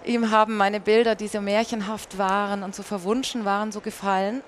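A woman who paints and sings mezzo-soprano appears as an interview guest, reflectively recounting the path she took. Her mid-range voice stays steady and moves a little fast, with a faint hiss or hum in the recording.

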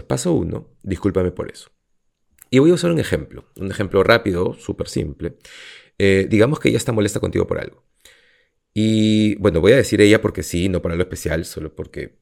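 Gravelly deep-voiced man giving earnest advice. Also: a little mellow. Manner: earnest, reflective advice-giving with frequent fillers. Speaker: podcast host and coach. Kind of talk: solo podcast monologue.

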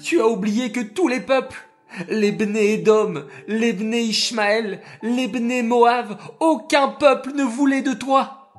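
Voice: medium pitch, expressive, slow, a bit bright, faint music behind. A storyteller voicing a tearful biblical patriarch who pleads and protests on behalf of his people in a children's story. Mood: pleading, indignant. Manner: impassioned, pleading.

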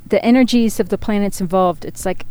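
A woman's voice: medium pitch, brisk, dark tone, smooth, no echo. A woman giving a casual spoken astrology forecast, chatty and rambling, often laughing at herself. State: feeling hot and sweaty.

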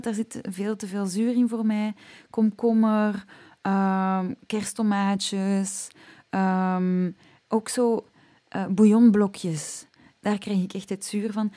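Dark-voiced Flemish singing teacher. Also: female voice, mid-range voice, no room sound. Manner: chatty, frequent "ehm" fillers, laughs at herself. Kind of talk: casual spoken vocal health tips.

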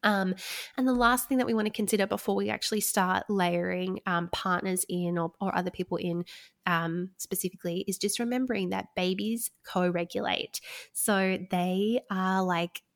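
A woman in her thirties talks through parenting advice on a podcast, relaxed and conversational. Her voice sits in the middle of the range, and she laughs easily between points. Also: mid-range voice, normal speed, vocal fry. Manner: chatty, warm advice-giving with fillers and laughs. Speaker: podcast co-host, sleep consultant. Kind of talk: casual podcast chat.

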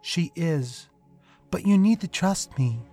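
A man voicing a gentle ghostly young woman in a read story, soft and reassuring. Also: fairly high pitch, animated, slow pace, faint music behind, voice pushed up. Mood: earnest.

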